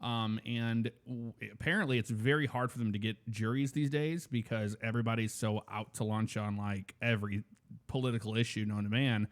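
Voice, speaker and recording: A man's voice: on the low side, steady tone, fairly quick. A man co-hosting a podcast in casual chat, telling rambling stories full of fillers and restarts. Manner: rambling, filler-heavy storytelling. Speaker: podcast co-host.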